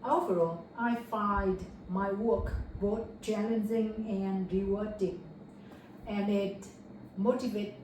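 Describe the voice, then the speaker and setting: Slow and steady, with a medium pitch and a darkish tone, a young woman from Vietnam answers mock speaking test questions as a candidate. Her English is careful and rehearsed, marked by fillers and self-corrections, captured in an echoey room far from the mic with faint noise.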